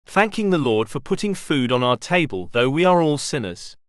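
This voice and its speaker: A man's voice: on the high side, big pitch swings, normal speed, clean tone, dry recording, studio quality. A man doing a stern, barking children's-home master. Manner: barking short orders.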